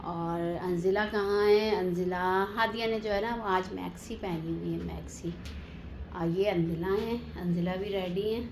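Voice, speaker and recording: A woman family vlogger films herself on a phone at home and at a family birthday party, chatting casually and calling her viewers "janab." Her lowish voice keeps a steady tone and runs a little slow, with background noise in the audio.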